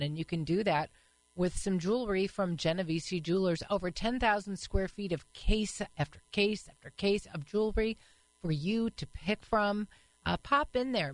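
A woman's voice: mid-range voice, dry recording, poor audio. Peppy lady cohost on the radio, dry close mic, mid voice. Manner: upbeat, quick to cheer callers. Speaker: radio co-host. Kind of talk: casual radio chat and live read.

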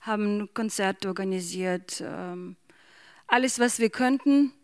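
Slow, soft-spoken woman. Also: mid-range voice, no room sound, clean studio sound. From Ukraine. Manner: hesitant, many fillers, soft-spoken. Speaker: interview guest. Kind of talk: slow emotional reading and halting answers.

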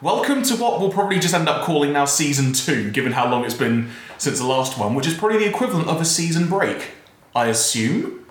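Male podcast host, animated and slightly high-pitched, casual delivery, heavily echoing empty room. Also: fairly quick. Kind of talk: casual scripted podcast hosting. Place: bare office room with desk and chairs. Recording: very echoey bare room.

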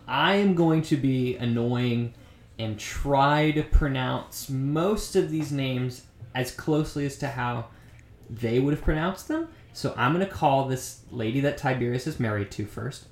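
A man's voice: medium pitch, a little slow, echoey room. A man co-hosting a casual history podcast, explaining things with frequent ums. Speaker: podcast co-host.

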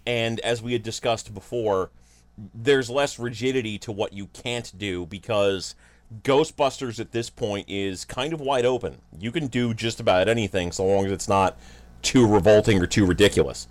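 A man's voice: on the low side, normal speed, dry recording. A man chatting casually on a podcast, blunt, offhand and joking. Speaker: podcast co-host. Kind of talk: casual chat.

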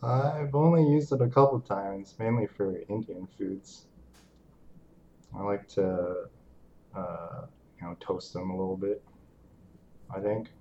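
Man, podcast guest, slow speech, hesitant, dull lo-fi sound. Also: lowish voice, steady tone, dark tone, slight background noise. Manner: hesitant, trailing off. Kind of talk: casual chat.

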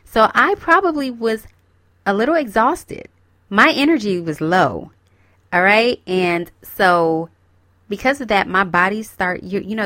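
A young woman still recovering from a cold hosts a casual self-help talk, chatting encouragingly and speaking straight to her listeners. Her medium-pitched voice sounds pushed and bright, recorded at studio quality with no room sound.

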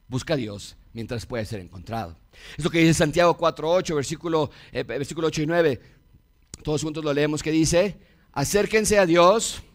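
A man preaching a passionate sermon in a church, swinging between loud appeals and hushed warnings. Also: a little high. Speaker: pastor.

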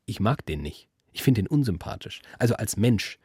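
A man's voice: on the low side, moderate pace, slightly rough, no echo, studio quality. A man co-hosting a podcast, ranting in casual chat. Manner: ranting, animated. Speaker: podcast co-host. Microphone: studio mic.

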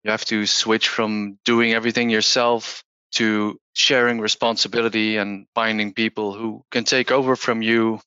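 A man's voice: medium pitch, bright, forceful tone, smooth, no room sound. A man who runs a small company, speaking in a businesslike way on a video call panel. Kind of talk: panel discussion. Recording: dry, dull lo-fi sound.

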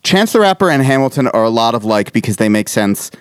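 A man's voice: mid-range voice, sing-song, fast talker, smooth, no echo, clean studio sound. A man co-hosting a podcast in casual chat, rambling and laughing as he talks, with some swearing. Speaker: podcast co-host.

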